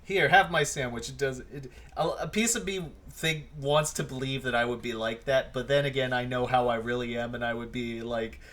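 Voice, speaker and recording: A man hosting a casual interview, self-deprecating and quick to laugh. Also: medium pitch, fairly bright tone. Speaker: interview host.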